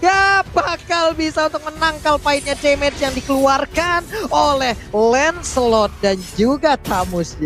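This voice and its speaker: An Indonesian man giving excited play-by-play commentary on a video game match. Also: very high-pitched, measured pace, hardly any pauses, faint music behind.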